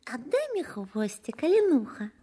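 A woman voicing a pestering female housefly in an audio fairy tale, with a nagging, whining, breathy voice. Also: sits high, sing-song, measured pace, mellow. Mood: pleading.

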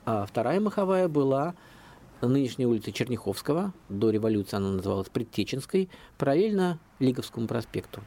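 Mellow-voiced man, chatty local historian. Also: medium pitch, a little fast. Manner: chatty, discursive, lively storytelling. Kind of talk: radio interview explanation.

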